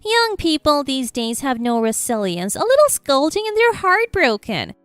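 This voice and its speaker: A woman voicing a harsh, defensive middle-aged mother-in-law in a storybook reading, with a shrill, pleading manner. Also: very animated, normal speed, a bit bright, no echo, faint music behind.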